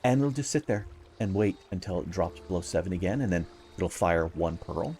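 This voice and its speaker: Hosting a gameplay video, a man with a raspy, just-woken-up voice rambles through explanations, upbeat and chuckling often. His voice sits low with a darkish tone, and he speaks briskly and expressively over soft background music.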